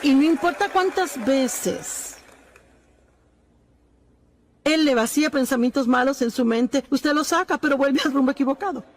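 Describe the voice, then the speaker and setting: A high-pitched woman delivers a dubbed sermon as a preacher's voice-over. She speaks earnestly, leaning on key phrases and repeating them for emphasis, with pauses between points. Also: some chatter behind.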